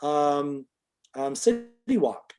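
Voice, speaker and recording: A man's voice: on the high side, animated, drawn-out words, darkish tone, clean tone. A middle-aged man telling a long, casual story as an interview guest, full of fillers, and livelier when he quotes other people.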